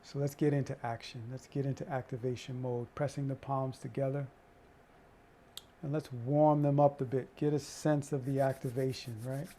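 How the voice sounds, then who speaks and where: A man leading a qigong energy meditation and prayer as an instructor, with an unhurried, encouraging, spiritual way of talking. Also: mid-range voice, level tone, mellow.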